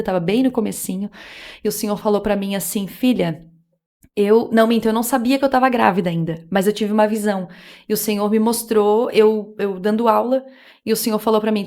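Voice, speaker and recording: A woman shares her faith testimony in a relaxed podcast chat. She speaks earnestly and with feeling, often slipping into the voices of remembered conversations. Her pitch sits in the middle range. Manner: earnest, emotional storytelling with quoted dialogue. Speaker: podcast guest.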